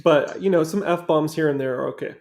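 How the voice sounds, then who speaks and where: This is a male co-host running a casual live-stream interview. His voice sits somewhat high for a man. He sounds easygoing and asks his questions in a measured, even way.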